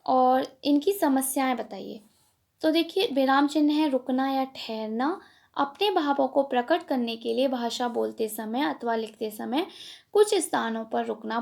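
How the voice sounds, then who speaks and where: Woman teacher, high and gravelly, walks through exam answers, asking and answering her own questions. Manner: explains step by step, asks and answers own questions. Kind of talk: exam revision lesson.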